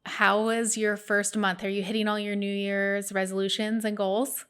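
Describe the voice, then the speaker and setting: A woman's voice: medium pitch, little pitch movement, moderate pace, fairly bright tone, clear, resonant tone. Enthusiastic woman in her thirties co-hosting. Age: 30s. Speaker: podcast co-host. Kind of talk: casual podcast chat.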